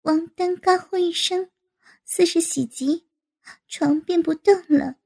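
A woman narrating a story at an unhurried pace. Her voice is high and mellow. She reads evenly and plainly. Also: steady tone, vocal fry. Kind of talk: slow storytelling reading.

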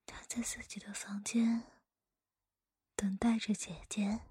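Woman acting a teasing older sister, breathy whispered role-play right in your ear. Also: mid-range voice, flat delivery, mellow, no echo, studio quality. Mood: slow, sultry. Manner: slow, intimate whispering right in the listener's ear. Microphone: close microphone, dry.

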